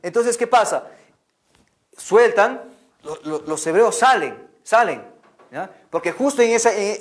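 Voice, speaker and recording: A man telling a Bible story to children as a catechist, animated, often checking in with "¿no?" and making sound effects. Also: sits high. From Peru. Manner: animated, lots of "¿no?" and "imagínate", sound effects like "pum".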